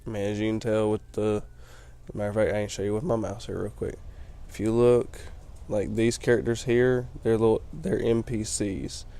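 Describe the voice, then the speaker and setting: Speaking late at night as he plays, a weary let's play commentator rambles through casual gameplay explanations in a fairly low, dark voice with vocal fry. The delivery is flat and moderately paced, and the recording is clean.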